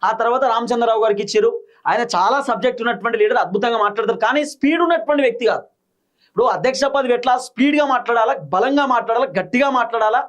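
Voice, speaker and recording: A man's voice: very high voice, racing, a bit bright. A man with a Telangana Telugu accent giving an emphatic political commentary monologue, repeating his points in short punchy phrases.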